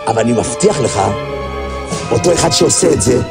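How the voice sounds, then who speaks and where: A middle-aged man preaching a fiery sermon to a crowd, lurching from low mutters to sudden shouted outbursts in a gravelly voice. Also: expressive. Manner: shouting, swinging from low mutters to high yells. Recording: echoey hall with loud music over it.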